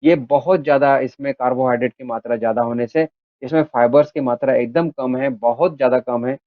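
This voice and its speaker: A man gives a methodical health talk, working through lists with frequent pauses and fillers. His voice sits at a middle pitch. The sound is dry and narrow, like a phone line. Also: steady tone, dry recording. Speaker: health educator. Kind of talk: health talk explaining millets.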